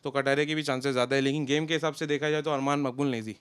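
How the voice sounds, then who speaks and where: A man's voice: medium pitch, rapid-fire, smooth, dry recording. A young man, chatting loosely as an interview guest about a friend. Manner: relaxed, talks in loose run-on sentences. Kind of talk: casual interview chat.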